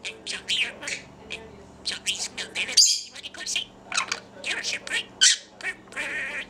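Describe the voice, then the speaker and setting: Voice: sits high, animated, moderate pace, creaky. A talking pet budgie mimicking affectionate phrases in a chirpy, squawky, indistinct voice, repeating itself in a noisy home recording.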